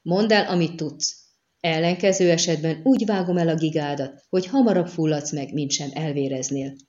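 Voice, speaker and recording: A woman's voice: low-pitched, mellow, muffled recording, close to an everyday voice. A woman voicing a grim, curt male witcher who speaks in menacing threats, read in a storybook.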